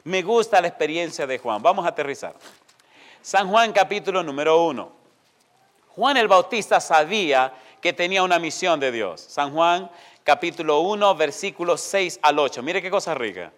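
A man preaching to his congregation with a somewhat high voice. He tells his story in a lively, folksy way, acting out sound effects and quoting the people in it. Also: normal speed. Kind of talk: sermon with personal story.

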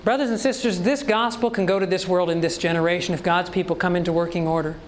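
Male preacher, very high-pitched, emphatic sermon delivery heavy on rhetorical questions. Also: steady tone, quick pace, a little hiss or hum, poor audio.

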